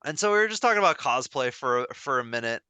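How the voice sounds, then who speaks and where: Bright, clear-voiced man chatting on a podcast. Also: medium pitch, fast, no room sound. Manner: chatty, animated when recalling a story. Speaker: podcast co-host. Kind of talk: casual chat.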